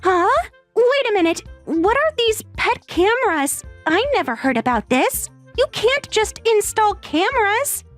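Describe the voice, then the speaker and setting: A woman voicing a panicked, entitled young wife in a dramatized text story, pleading and shrill. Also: sing-song, measured pace, soft background music, exaggerated voice.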